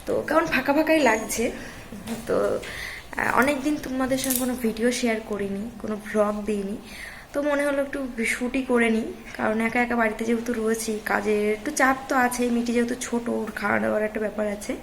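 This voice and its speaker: A hoarse woman with a cold, chatting casually in a home vlog and starting many sentences with "so". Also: on the high side, fast, a little hiss or hum, low-quality recording. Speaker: vlogger.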